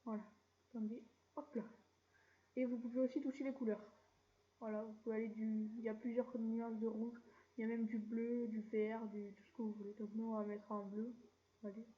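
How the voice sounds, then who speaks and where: A woman hosting a casual screen-recorded software tutorial, chatty and relaxed, with mild slang. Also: a little high, normal speed, narrow, tinny audio. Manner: chatty, relaxed, keeps saying "voilà" and drops mild slang. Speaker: tutorial channel host.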